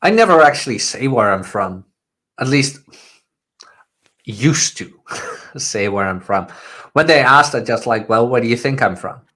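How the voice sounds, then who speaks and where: A Dutch man whose English sounds British, co-hosting a casual podcast in a relaxed, joking way. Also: unhurried, long pauses. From Netherlands. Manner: laid-back, joking, lively pitch. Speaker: co-host.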